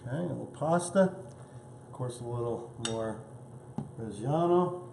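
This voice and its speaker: Male cooking host, chatty and eager, average pitch, roomy kitchen sound. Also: moderate pace, gravelly, darkish tone, slight background noise. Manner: enthusiastic, chatty, tasting food as he talks. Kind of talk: casual cooking show.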